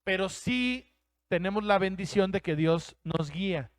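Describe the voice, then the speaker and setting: A man's voice: high voice, expressive, measured pace, dry recording, clean studio sound. A man with a Mexican Spanish accent preaching a sermon as pastor, emphatic, acting out quoted voices.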